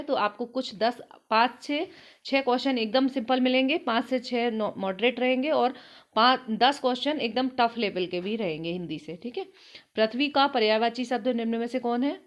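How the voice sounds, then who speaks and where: A woman with a slightly high voice teaches an online exam-prep class, walking through questions step by step and checking in often, frequently repeating "ठीक है". The audio has its highs cut off.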